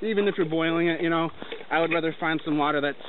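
A young man narrates his hike to a camera held at arm's length, chatting loosely as he walks through the woods. His voice sits a bit high. The sound is thin and phone-like, with faint hiss behind it. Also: fairly even intonation, fast talker. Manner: talks while walking, loose and rambling. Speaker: hiker filming a trip. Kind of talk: casual vlog narration while hiking. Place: outdoors in a forest. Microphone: handheld camera at arm's length. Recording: tinny lo-fi camera audio with faint noise.

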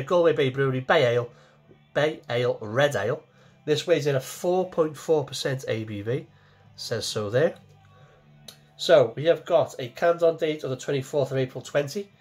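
Husky and mid-range, this forties-aged man's voice carries a casual beer review filmed in his small home kitchen. He chats to camera, circling back over the same points as he goes.

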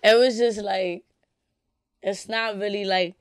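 A woman's voice: medium pitch, steady tone, slow pace, clean tone, dry recording, studio quality. A young woman from the Bronx with a New York accent, chatting bluntly and swearing freely as a podcast guest. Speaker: guest musician. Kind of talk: casual podcast chat.

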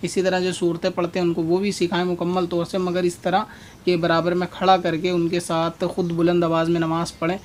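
High-pitched guy explaining a religious ruling, flat steady delivery, a little hiss behind. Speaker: Islamic scholar answering a question.

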